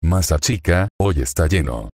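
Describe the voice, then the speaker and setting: A man's voice: low-pitched, lively intonation, unhurried, a little mellow, breathy edge, no room sound, studio quality, heavily acted. A man reading a fanfic aloud voices a playful, confident teenage schoolgirl who teases in a light, sing-song way. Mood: playful teasing.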